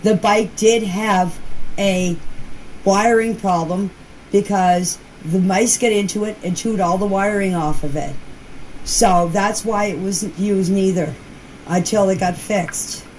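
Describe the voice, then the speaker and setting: In noisy, informal voice messages recorded for a group chat, a woman answers questions emphatically, repeating herself for emphasis and using colloquial, non-standard grammar. Her medium-pitched voice is slow, a little mellow, with fairly even intonation.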